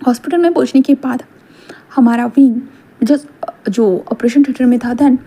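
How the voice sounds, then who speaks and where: Woman storyteller, fan-fiction narration, high and mellow. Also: fairly even intonation. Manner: rapid mixing of Hindi and English.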